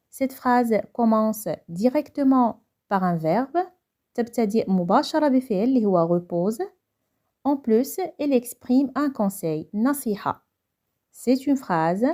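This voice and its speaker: Young Moroccan woman, teacher; patient lesson delivery with a mellow tone. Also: on the high side. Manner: explains slowly, then repeats each point in Moroccan Arabic. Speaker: French teacher. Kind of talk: bilingual grammar lesson.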